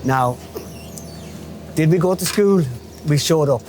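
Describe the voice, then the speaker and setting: A man's voice: on the high side, slow. A man in his fifties with a Galway, west of Ireland accent, reminiscing casually and chattily in a colloquial way as an interviewee. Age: 50s. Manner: chatty, colloquial, often checking in with "you know". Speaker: interviewee, local window cleaner. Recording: noisy street ambience with traffic.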